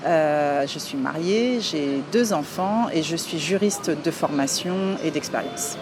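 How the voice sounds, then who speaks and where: Hesitant woman in her forties, low voice. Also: lively intonation, a little slow. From France. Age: 40s. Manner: hesitant, many filler sounds and restarts. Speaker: interview guest. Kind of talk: casual interview answers. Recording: clear outdoor street noise behind.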